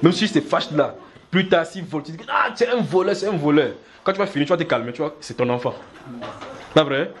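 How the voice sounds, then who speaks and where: A man preaching a sermon in church, lively and demonstrative, often checking that the congregation follows. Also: on the high side, a little fast. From Cameroon. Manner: animated, acts out little scenes and keeps checking the congregation follows.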